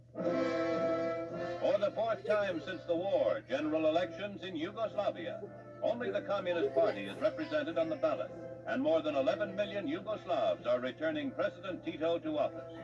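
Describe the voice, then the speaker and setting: Reading a scripted 1950s newsreel, this American man sounds like a dramatic, declamatory announcer, his voice on the high side and expressive, moving at a normal pace. Loud music plays behind him on a muffled, distant soundtrack of the era.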